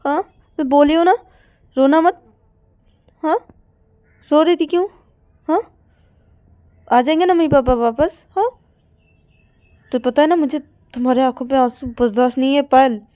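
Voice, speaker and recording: Woman doing a young woman in a storybook tale, raised pitch, loud, bossy, protective, coaxing. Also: moderate pace, close to an everyday voice. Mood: scolding. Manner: insistent coaxing and scolding.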